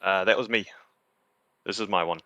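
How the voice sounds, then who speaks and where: A man's voice: low-pitched, fairly even intonation, normal speed, pushed and bright, no echo, studio quality. A man presenting on a podcast in casual, loosely phrased explanatory chat.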